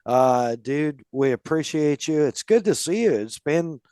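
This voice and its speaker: Smooth, dry-sounding male podcast host. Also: on the high side, lively intonation, measured pace, dark tone, no echo. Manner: friendly, laughs often, loose filler-heavy talk. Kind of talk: casual podcast chat.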